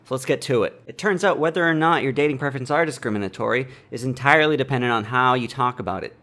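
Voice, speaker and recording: A man delivering a deadpan, mock-serious satirical monologue as a vlogger. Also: medium pitch, fast.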